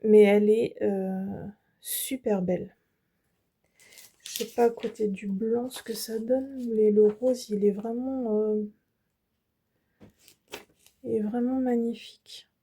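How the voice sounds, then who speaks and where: A French woman vlogger walks through her latest craft haul at an unhurried pace. Her voice sits a bit high but has a very dark, mellow tone. She pauses often, fills gaps and restarts her sentences as she goes. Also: steady tone, breathy edge. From France. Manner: slow, hesitant, many fillers and restarts. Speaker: embroidery channel host. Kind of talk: casual product show-and-tell.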